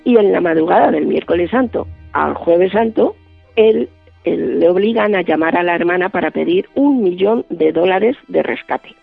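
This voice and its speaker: A man with a high, gravelly voice and a breathy edge, speaking. He tells his story vividly as a radio interview guest and acts out what each person said. The sound is thin, dry and phone-like. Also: normal speed, dry recording, faint music behind. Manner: vivid, acts out quoted dialogue. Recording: band-limited dry phone-like line.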